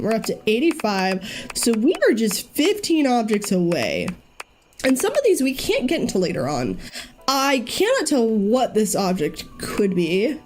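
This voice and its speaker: A woman's voice: medium pitch, a little mellow, slight background noise. A young woman giving casual let's-play commentary, chatty and thinking aloud with frequent ums. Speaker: gaming YouTuber.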